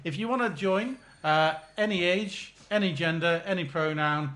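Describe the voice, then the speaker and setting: A man with an English accent co-hosting a podcast in casual chat, firing off quick questions and laughing often. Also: on the high side, fairly bright tone. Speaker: podcast co-host.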